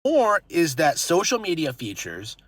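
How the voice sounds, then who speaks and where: A man speaking in a short online video, making flat, promotional claims. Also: on the high side, unhurried, over a noisy crowd.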